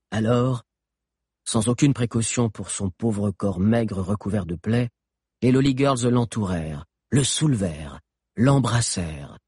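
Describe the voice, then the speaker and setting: A man telling a story in scripted audiobook narration, his voice husky and breathy. His pitch moves lively and expressively through the sentences. The recording is dry and close, with no room sound. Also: no echo.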